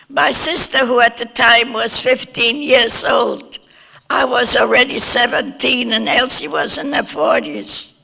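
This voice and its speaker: A woman, a Holocaust survivor speaking slowly and earnestly to students as a guest speaker. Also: on the high side, creaky, pushed and bright. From Germany. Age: 90s. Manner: slow, earnest storytelling. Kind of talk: personal testimony talk to students. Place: school forum hall. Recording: echoey hall reverb.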